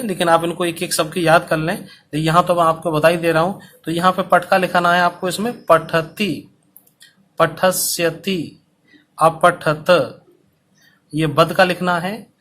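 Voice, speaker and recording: A man with a high, bright voice teaching students in a video lesson. He speaks slowly and clearly, spacing his words out as if dictating. His delivery stays patient and instructive. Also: level tone. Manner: slow, dictation-paced explanation. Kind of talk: Sanskrit lesson for school students. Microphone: recorded for online video.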